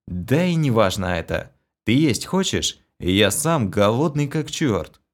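A man's voice: medium pitch, very animated, a little slow. A man voicing a wry, sarcastic young hero in a storybook reading.

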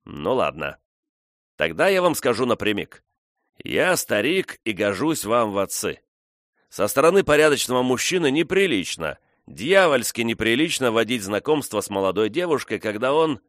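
A man playing a gruff old frontiersman. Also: medium pitch, big pitch swings, moderate pace, a bit bright, dry recording, studio quality, voice pushed up. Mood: blunt. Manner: blunt, gruff.

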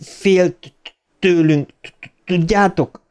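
A man's voice: on the high side, voice pushed up, natural voice. A man voicing a brave, stuttering boy who leads his gang of friends, in an audiobook reading. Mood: pleading. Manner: heavy stutter. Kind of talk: audiobook character voice.

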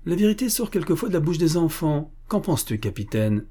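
Brief: man reading a high-spirited young swordsman in a storybook, pitched well up. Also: brisk, breathy edge. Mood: jesting. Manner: lively, bantering. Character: bold, jesting young male swordsman.

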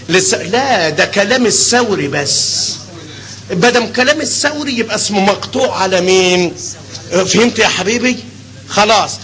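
An older man with an Egyptian Arabic accent teaching a hadith class, animated and constantly quizzing his students with questions. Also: sits high, low-quality recording. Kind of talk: classroom lecture.

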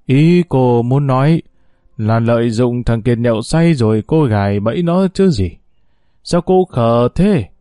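A man's voice: medium pitch, dark tone, dry recording, studio quality, close to an everyday voice. A man voicing a stern older mother who scolds bluntly and coldly in an audiobook story. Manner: curt, scolding. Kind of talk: audiobook character voice.

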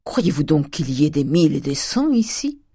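A woman's voice: low voice, sing-song, moderate pace, warm tone, husky, no echo, clean studio sound, heavily acted. A woman voicing a miserly old provincial father who lectures and scolds dismissively, in an audiobook reading. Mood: stern.

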